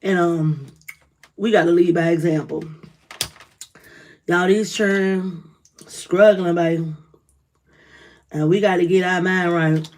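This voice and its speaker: Lively woman preaching uplift with dialect flavor. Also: on the low side, slow, pauses often. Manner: lively, swings loud and soft, preachy. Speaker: rideshare driver and motivational vlogger. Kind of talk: casual motivational talk to camera.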